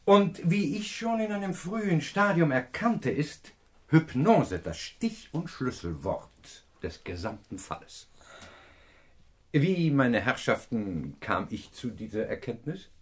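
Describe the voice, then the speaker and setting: A self-satisfied professor who solves crimes in a radio play. He lectures with pompous, pedantic precision. His mid-pitched male voice rises and falls dramatically. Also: very animated, slow. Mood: pompous lecturing.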